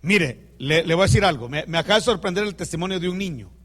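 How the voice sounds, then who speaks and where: A man's voice: sits high, lively intonation, quick pace, fairly bright tone, big-room sound. A man preaching a sermon who speaks straight to the congregation and tells stories with quoted dialogue.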